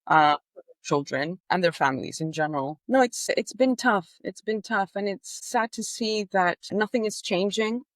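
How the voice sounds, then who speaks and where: Greek-accented woman guest, earnest and hesitant, mid pitch, dry close recording. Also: normal speed, no echo. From Greece. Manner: earnest, frequent hesitations and restarts. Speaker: guest, behavior analyst. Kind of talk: casual interview chat.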